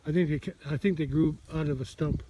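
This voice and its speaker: A man's voice: fairly high pitch, fairly even intonation, quick pace, mellow. A man thinking aloud in a casual vlog as he does farm chores outdoors, rambling in a folksy way and repeating himself. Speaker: farmer narrating his own chores. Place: outdoors on a farm, partly around a vehicle. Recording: noisy outdoor recording, vehicle noise.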